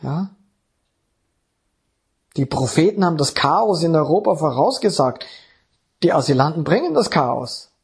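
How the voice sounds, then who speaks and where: A man's voice: fairly high pitch, big pitch swings, a little slow, vocal fry, pauses often, slightly rough. A man preaching a sermon with emphasis, often checking in with the congregation. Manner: emphatic, keeps checking in with the audience.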